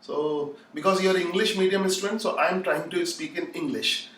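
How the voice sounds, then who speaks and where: A man's voice: high voice, moderate pace, fairly bright tone. A man with an Indian accent teaching a live online maths lesson, mixing Hindi phrases into English, repeating himself and often checking understanding. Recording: echoey room, distant microphone.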